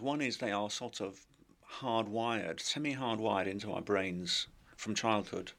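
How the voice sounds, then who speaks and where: A man giving measured, reflective explanations in an interview. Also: on the low side, a bit bright. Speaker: expert interviewee.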